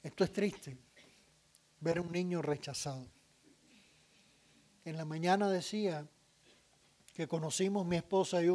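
A man's voice: a little high, darkish tone. A man giving a public talk on parenting, asking the audience questions and listing points one by one. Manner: deliberate, lists items one by one; asks the audience questions and answers them. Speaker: speaker addressing an audience.

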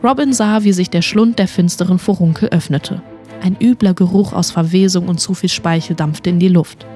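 A woman's voice: lowish voice, normal speed, soft background music. Woman narrating a fantasy audiobook. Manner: expressive storytelling.

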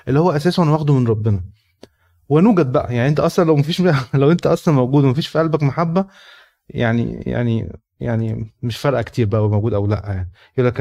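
A man's voice: medium pitch, warm tone. A man with an Egyptian Arabic accent talking spontaneously about faith and family, with many fillers and restarts. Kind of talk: casual spontaneous talk.

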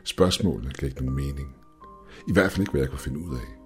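A man narrating a scripted horror story in a slow, measured, grim way. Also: extremely low pitch. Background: faint music.

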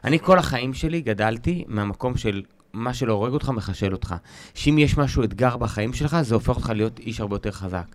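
A man who is a stand-up comedian, telling stories in a casual podcast chat and acting out the voices he quotes. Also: mid-range voice. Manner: animated storyteller, acts out quoted voices.

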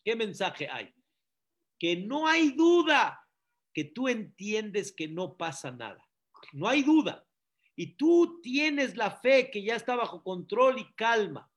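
Slow, high-voiced rabbi preaching. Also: male voice, a bit bright. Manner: emphatic preaching with rhetorical questions; acts out voices of people in his stories. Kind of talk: sermon.

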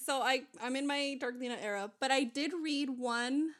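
A woman's voice: high-pitched, moderate pace, fairly bright tone. A young woman co-hosting a casual chat, rambling with lots of fillers and restarts.

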